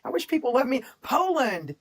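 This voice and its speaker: A woman's voice: high voice, big pitch swings, moderate pace, breathy edge. A woman, chatting casually as a livestream co-host and reading out where viewers are from. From Tennessee, USA. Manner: chatty, reads out viewer comments.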